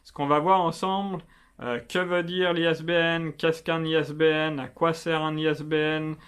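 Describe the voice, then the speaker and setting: A man with a slightly high voice hosts a casual explainer on self-publishing. He talks in a chatty, familiar way, tutoring the viewer directly. His speech is full of little fillers. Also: little pitch movement, normal speed, fairly bright tone, smooth. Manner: chatty, familiar, many fillers like euh and bah. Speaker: self-publishing video host.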